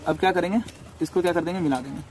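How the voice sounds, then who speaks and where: A man's voice: a little high, racing, darkish tone, a little hiss or hum. A man teaching a maths lesson step by step, repeating each step and asking rhetorical questions as he draws.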